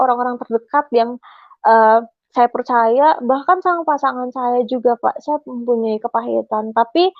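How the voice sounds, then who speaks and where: Shy young woman, halting testimony. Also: fairly high pitch, dry recording. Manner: halting, recounting at length with frequent hesitations. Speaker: interview guest giving a testimony. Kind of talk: personal testimony. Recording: dry, slightly dull sound.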